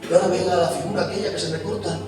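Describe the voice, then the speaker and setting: A man with an Extremaduran accent preaching an evangelical sermon, telling the story with animation and swinging between loud and hushed delivery. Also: high voice, little pitch movement, very fast. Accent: Extremaduran Spanish. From Extremadura, Spain. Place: church hall. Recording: echoey hall from a distance with loud music.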